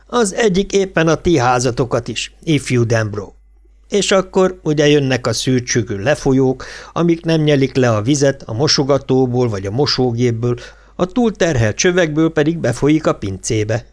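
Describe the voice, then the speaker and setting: A man voicing a gruff older small-town policeman who lectures in blunt, folksy dialect. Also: medium pitch, animated, close to an everyday voice. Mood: lecturing. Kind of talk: audiobook character voice.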